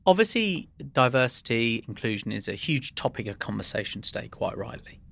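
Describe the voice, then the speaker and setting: A man's voice: medium pitch, very animated, brisk, gravelly, a bit bright, slight background noise. A man who grew up in England after being born in Iran, a podcast guest telling earnest workplace anecdotes with frequent restarts. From Iran, raised in England. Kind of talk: interview conversation.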